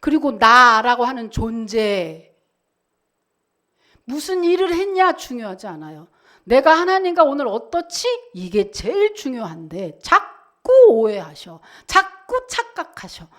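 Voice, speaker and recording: A woman's voice: fairly high pitch, big pitch swings, unhurried, fairly bright tone. A woman pastor giving a Sunday sermon, talking to the congregation in a conversational way and asking many rhetorical questions.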